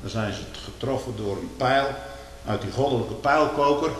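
A man delivers a sermon, moving between quiet, low passages and loud, drawn-out declamations and pleading questions. It was recorded in an echoey hall with a faint hiss.

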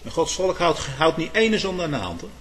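A man delivering a sermon in an emphatic preaching manner. His voice sits a little high for a man and rises and falls with lively, animated pitch. He often turns to his listeners with short spoken asides. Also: normal speed. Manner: emphatic preaching with sudden swells in loudness and pitch; addresses listeners with "hoor" and "hm?".

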